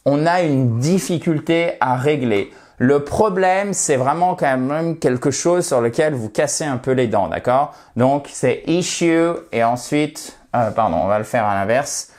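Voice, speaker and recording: Slow-paced man teaching English. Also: medium pitch, a little mellow. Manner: explains slowly, models English phrases with emphatic stress. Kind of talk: online video lesson.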